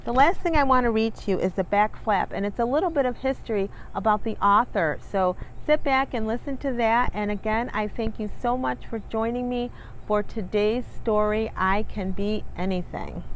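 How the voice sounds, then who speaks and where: Reading a storybook aloud for children, a woman with a fairly high voice keeps a normal speed and speaks warmly and encouragingly to viewers along the way. Music plays behind her, and there's a little hiss or hum in the audio.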